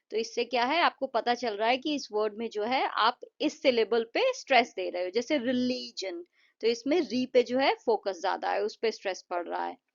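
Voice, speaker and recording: A woman English teacher explaining a textbook lesson in Hindi, reading the English passages out slowly. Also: a little high. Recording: dull lo-fi recording.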